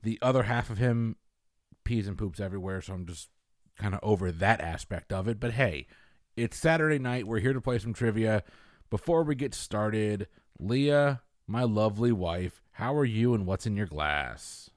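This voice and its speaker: A man's voice: lowish voice, normal speed, no room sound, clean studio sound. A young adult man hosting a casual online show, upbeat and joking in easy conversation with friends. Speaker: host. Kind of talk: casual chat.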